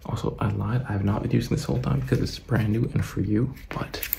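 A young man doing fast ASMR, an ASMR role-play in a murmured, casual, repetitive way, close to the mic. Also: fairly low pitch, steady tone, vocal fry, mellow. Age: young adult. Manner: murmured, casual, repeating phrases. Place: small room indoors. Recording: noisy close-up recording with clicking, tapping.

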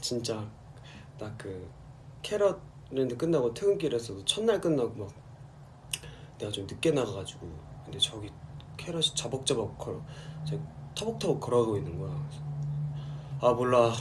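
Young male idol, casual livestream chat, animated storyteller, bright swinging delivery, light background hiss. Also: moderate pace, pauses often. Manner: animated, acts out fans' voices in high squeals. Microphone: phone or camera livestream.

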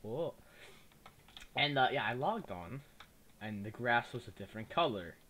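Animated and sharp-toned, a young man with a slight lisp talks at a measured pace as he rambles through a let's play. The gaming YouTuber is chatty and easily distracted. His cheap desktop mic gives low-quality sound with faint noise.

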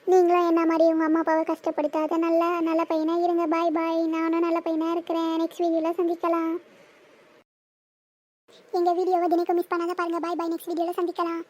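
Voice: extremely high pitch, monotone, fast, a little mellow. Voice actor doing a pleading cartoon village boy. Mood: cheerful. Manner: pleading, apologetic. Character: sheepish young village boy, the son. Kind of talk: cartoon voice acting.

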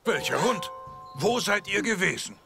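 A man's voice: sits high, lively intonation, measured pace, vocal fry, over loud music, exaggerated voice. A man voicing a cautious, anxious badger father in a cartoon, with a hesitant manner. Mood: concerned. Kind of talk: cartoon voice acting.

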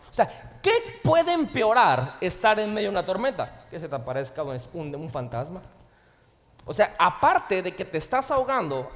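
A man preaching a sermon as pastor to a live congregation, animated and jokey, swinging between loud and soft. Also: high voice. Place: large church hall with live audience. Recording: reverberant live hall recording.

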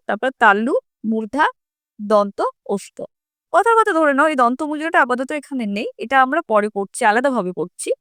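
A woman with a West Bengal Bengali accent teaches a language lesson in a high, clear voice. She keeps asking her students questions and then answers them herself, sounding out each vowel and consonant. The recording is dry and close. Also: a bit bright, no echo. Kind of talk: classroom lesson explanation.

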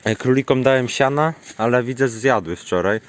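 A man's voice: brisk, noisy background. Chatty man talking to his farm animals. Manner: chatty, scolds and coaxes animals, calls them in a high voice. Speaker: farm vlogger. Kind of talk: casual chat while feeding animals. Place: outdoors around a farmyard and animal pens.

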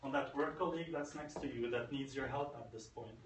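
A fairly quick, mid-range male voice belongs to a man in his thirties presenting at a tech conference. His motivational delivery leans on emphasis and repeated phrases, and the recording is echoey, captured by a far camera with faint noise in the conference room.

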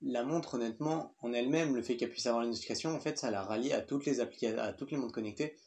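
A man's voice: medium pitch, fast, a little mellow. A young man talking casually through a smartwatch review, chatty and loose, with fillers and the odd swear word. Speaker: tech reviewer. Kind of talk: casual tech review vlog.

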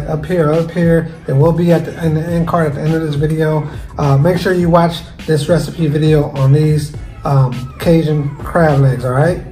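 Chatty man eating on camera, higher voice. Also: darkish tone, low-quality recording. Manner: chatty, talks while eating. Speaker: cooking channel host. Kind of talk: casual mukbang chat.

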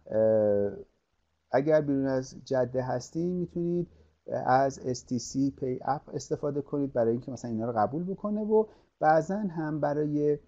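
A man teaching an online course, talking through a screen-share tutorial with many pauses and restarts as he clicks through a website. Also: mid-range voice, mellow, muffled recording. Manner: hesitant, many fillers and restarts, thinking aloud while clicking.

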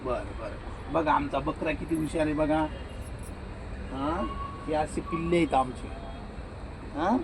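A man's voice: fairly high pitch, slow pace, long pauses, noisy background. A man vlogging casually outdoors in a village yard, chatting to viewers and coaxing his animals. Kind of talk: casual village vlog chat.

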